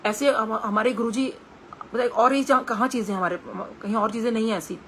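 A middle-aged woman with an Indian Hindi accent leads a devotional satsang talk. She speaks in a slightly high voice, earnest and conversational, pausing and restarting as she tells her stories. A faint hiss of noise sits under the recording. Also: fairly even intonation.

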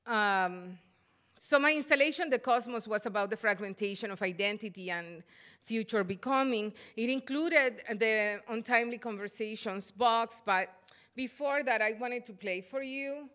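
A middle-aged woman from El Salvador gives an artist's lecture at a podium microphone, thoughtful and halting with frequent fillers. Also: on the high side, fairly bright tone. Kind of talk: lecture presentation.

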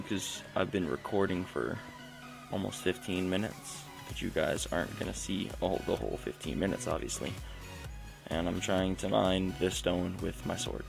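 This young man's voice sits low and creaky as he casually talks through his own game at home. He hosts a gaming channel, and his commentary is chatty and keeps breaking off mid-thought, over faint background music.

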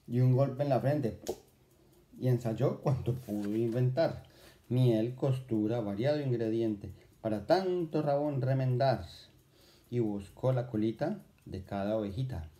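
A man's voice: mid-range voice, unhurried, mellow. A man reading a children's poem aloud in a playful, exclaiming way, talking straight to young listeners. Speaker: children's storyteller. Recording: roomy echo.

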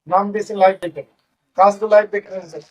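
Stern Bangladeshi officer grilling a shopkeeper. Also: male voice, sits high, fairly even intonation, rapid-fire, poor audio. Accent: Bangladeshi Bengali. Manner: stern, probing, repeats questions. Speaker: consumer rights officer on an inspection. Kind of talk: on-the-spot questioning during a raid. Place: bakery premises, indoors.

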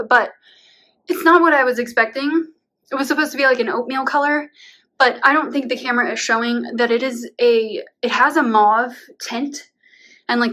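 A woman's voice: on the high side, sharp tone. A young woman vlogging casually at home while painting her room, chatty and rambling, tired and at times out of breath. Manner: chatty, rambling, uses "like" often, laughs between words. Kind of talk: casual vlog talk to camera. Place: home bedroom being painted.

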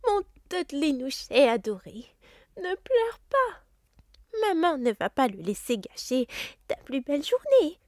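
A woman reading aloud and voicing a snappish, spiteful middle-aged aunt in a high, sharp voice. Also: big pitch swings, slow, no echo, clean studio sound, exaggerated voice. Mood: doting.

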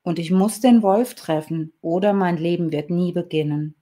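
A woman's voice: fairly low pitch, normal speed, mellow, close to an everyday voice. A woman voicing a bold, stubborn young woman who asks questions and insists on going into the woods. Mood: defiant.

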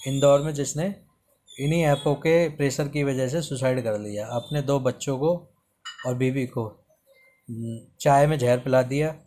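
A man's voice: mid-range voice, fairly even intonation, moderate pace, mellow. A man telling a story in a casual vlog, reading chat messages aloud in a skeptical, indignant way. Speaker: YouTuber.

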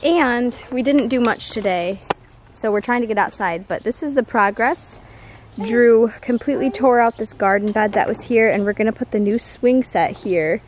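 A woman's voice: a little high, normal speed, a little hiss or hum. A young woman in her twenties, a stay-at-home mom, narrating her day casually to a handheld camera at home. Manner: chatty, matter-of-fact, talks to her children in between. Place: home, backyard and kitchen. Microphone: handheld camera mic.

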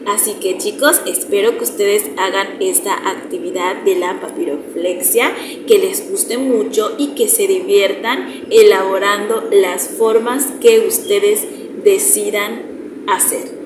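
A woman with a Mexican Spanish accent, a primary school teacher, summarizing the day's class slowly and directly for her pupils. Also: medium pitch, steady tone. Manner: slow, explanatory, addresses pupils directly. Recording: roomy echo with clear background noise.

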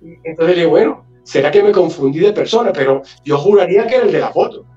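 High-voiced man telling a story. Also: fast talker, recorded from a distance, highs cut off, faint music behind. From Galicia, Spain. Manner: animated, acts out dialogue. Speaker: guest. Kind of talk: storytelling anecdote.

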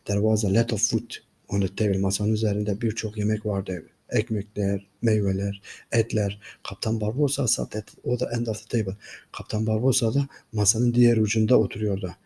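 A man's voice: lowish voice, flat delivery, fairly quick, warm tone, breathy edge. A man with a Turkish accent, teaching by reading a storybook line by line in English and then explaining each line to his class. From Turkey. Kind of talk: reading a graded reader aloud and translating.

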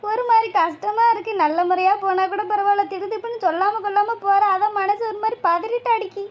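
A woman voicing a grieving old village mother, weepy and pleading. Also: very high-pitched. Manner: weepy, pleading, calls listener "makkale".

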